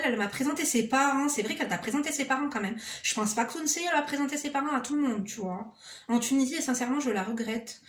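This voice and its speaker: A woman's voice: sits high, reverberant. A woman vlogger giving relationship advice, reading out a viewer's story and cutting in with sassy, sarcastic, teasing asides.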